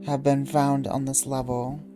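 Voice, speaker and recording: A sleepy, yawning woman hosting a channel, reading wiki entries aloud in a halting way and stumbling over words. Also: rumbling low, little pitch movement, music in the background.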